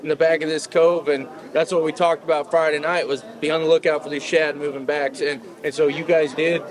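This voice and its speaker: A man's voice: fairly high pitch, little pitch movement, brisk. A man interviewing in a casual chatty style, affirming and encouraging as he goes. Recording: outdoors with clear crowd chatter. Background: outdoor crowd.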